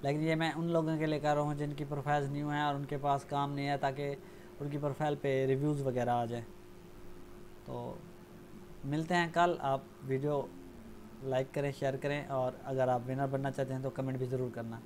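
A man hosting a freelancing channel, giving a casual, unedited announcement straight to his viewers, his voice not fully clear. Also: medium pitch, flat delivery, fairly quick, darkish tone, slight background noise. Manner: plain, informal, direct address to viewers.

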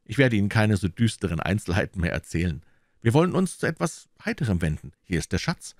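A man's voice: fairly low pitch, sing-song, quick pace, no room sound. A man reading aloud and voicing an earnest, heartfelt Victorian doctor in a voice close to his own. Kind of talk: audiobook reading.

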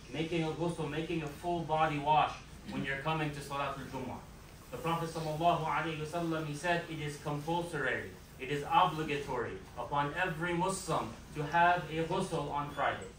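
A male imam delivers a Friday sermon in an emphatic style, hammering home his points by repeating them. His voice sits a bit high for a man. It rings through a large echoing prayer hall, picked up from a distance with faint ambient noise. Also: a bit bright. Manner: emphatic, repeats key phrases. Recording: echoey hall, mic far off.

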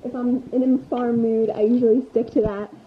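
A woman's voice: on the high side, little pitch movement, normal speed, phone-quality sound, a little hiss or hum. A woman talking casually to the camera in a farm vlog, chatty with lots of fillers, switching to sweet baby talk for her animals. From Pennsylvania. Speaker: lifestyle vlogger. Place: farm, indoors and outdoors.

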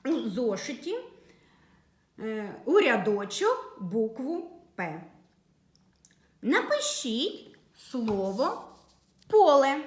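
Slow, patient woman teaching children. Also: fairly high pitch, echoey room. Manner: slow, clear, patient dictation to young pupils. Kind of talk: early literacy lesson for children.

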